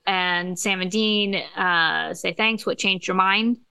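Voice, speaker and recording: Gravelly-voiced woman podcast co-host. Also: mid-range voice, fairly even intonation, slow, pushed and bright, dry recording. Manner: chatty recapper with frequent "uh" and "um". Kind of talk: casual episode recap.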